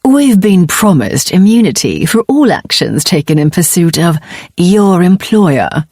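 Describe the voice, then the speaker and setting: A woman voicing a ruthless woman mercenary captain who talks in calm, sarcastic menace. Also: fairly low pitch, normal speed, husky, no room sound, clean studio sound, full character voice.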